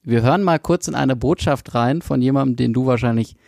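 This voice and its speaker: A man's voice: medium pitch, fairly quick, vocal fry, darkish tone, no room sound, clean studio sound. A man hosting a podcast interview, asking long rambling questions with many fillers. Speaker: podcast host.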